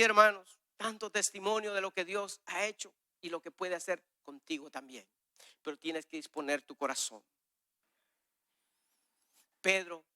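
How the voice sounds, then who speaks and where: A man preaching a sermon with a personal testimony, swinging between loud, urgent exhortation and hushed, confessional asides as he acts out conversations. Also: high voice, no echo, studio quality. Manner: acts out dialogues with God and others.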